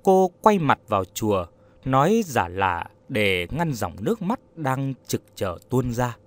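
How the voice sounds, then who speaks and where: A man narrating a scripted story in a steady storytelling manner. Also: mid-range voice, measured pace.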